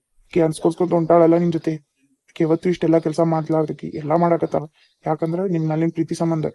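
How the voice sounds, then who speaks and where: Cartoon elder, calm and advising, North Karnataka accent, flat and dark; male actor. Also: on the high side, fast talker, gravelly, no room sound, lo-fi sound. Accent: North Karnataka Kannada. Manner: advising, steady. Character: older father-in-law, calm and wise. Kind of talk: cartoon voice acting.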